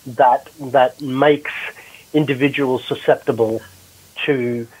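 Speaking slowly in a darkish, medium-pitched voice with fairly even intonation, a male doctor explains a health topic on a panel and often restarts. The clip is a low-quality Clubhouse replay with slight background noise.

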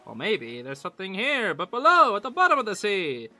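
A man reading aloud the lines of a cowardly male ship captain who dodges his duties in a gruff, evasive way. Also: high voice, huge pitch swings, fairly quick, bright, forceful tone, full character voice.

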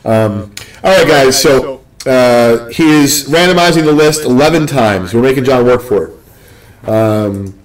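A young man from the Northeast US hosting a live card-opening stream, rambling and joking with excitement. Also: a little high, poor audio. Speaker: card break host.

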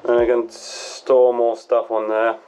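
A man vlogging his boat restoration, making brief, unhurried remarks while he glues and fits parts inside the hull. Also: mid-range voice, completely flat delivery, dark tone. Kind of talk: casual workshop commentary. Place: inside a small boat hull under renovation. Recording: distant voice with background music.

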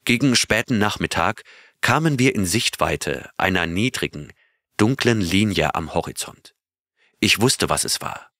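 A man's voice: deep voice, lively intonation, measured pace, a bit bright, no echo, clean studio sound, heavily acted. A man voicing a male astronaut who tells his crewmates about his adventure, talking earnestly and putting questions to them. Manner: earnest storytelling, asks listeners questions. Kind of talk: audiobook reading of a character's tale.

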